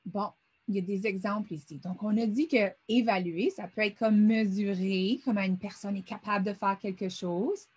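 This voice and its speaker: A woman's voice: mid-range voice, fairly even intonation, moderate pace, darkish tone, breathy edge. A middle-aged woman teaching a vocabulary lesson over a screen, patiently sounding words out syllable by syllable.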